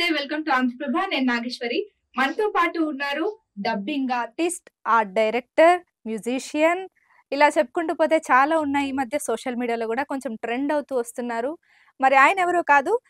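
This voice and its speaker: A woman hosts an interview with friendly, encouraging questions. Her voice sits high, and the sound is close and dry. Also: lively intonation, fairly quick, a bit bright, no room sound. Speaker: interview host. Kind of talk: interview hosting.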